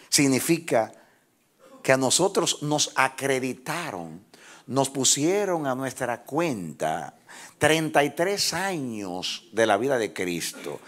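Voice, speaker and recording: A man preaching a sermon as pastor, who leads his congregation in call-and-response and rises into shouted, half-sung phrases. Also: medium pitch. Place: church with congregation.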